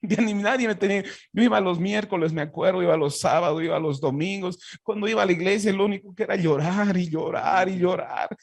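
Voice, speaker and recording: A man's voice: sits high, a little fast, gravelly, hardly any pauses, no echo. A Bolivian man with a Bolivian Spanish accent, a pastor telling his personal faith testimony in an earnest, heartfelt way with frequent restarts.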